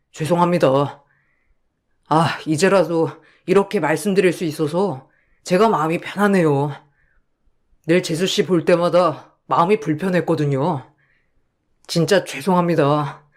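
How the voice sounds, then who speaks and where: A man's voice: fairly high pitch, lightly acted. A man voicing a husband's friend who hesitantly and sheepishly apologizes.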